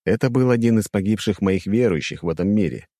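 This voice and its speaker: Brief: male audiobook narrator, dark warm tone, animated delivery, dry close mic. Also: lowish voice, fast, no room sound. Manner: expressive storytelling. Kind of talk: scripted first-person narration.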